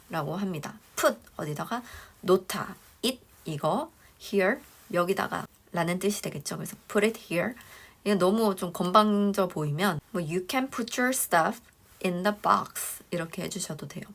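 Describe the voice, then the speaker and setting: Lower-voiced woman teaching dental English. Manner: explains step by step, slows down for English phrases. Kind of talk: spoken lesson.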